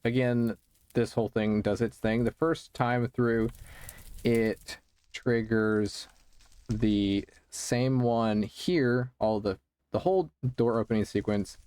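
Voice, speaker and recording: Male creator, casual game commentary, unhurried delivery, mid-pitched, rambling and self-effacing. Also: steady tone, a little mellow, smooth, dry recording. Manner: rambling and halting, with many restarts; self-deprecating, easygoing. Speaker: Minecraft video creator.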